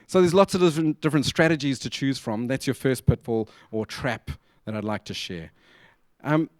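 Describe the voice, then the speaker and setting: This man's mid-range voice is slightly mellow and clean, recorded with no room sound. Presenting at a conference venue, he keeps things conversational, cracks jokes along the way, and keeps prompting listeners to nod along.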